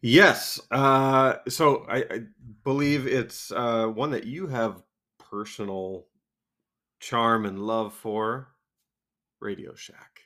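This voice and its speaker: A man's voice: mid-range voice, steady tone, takes it slowly, a bit bright. A man with a wheezy voice co-hosts a podcast in a casual, comic, self-deprecating way, laughing often. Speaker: podcast co-host.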